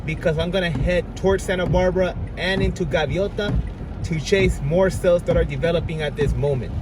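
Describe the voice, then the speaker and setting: A man's voice: a little high, a little fast. A man narrating a casual storm-chasing vlog, reporting on what he sees around him as he goes. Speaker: storm chaser and vlogger. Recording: loud wind and road noise. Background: wind and vehicle noise.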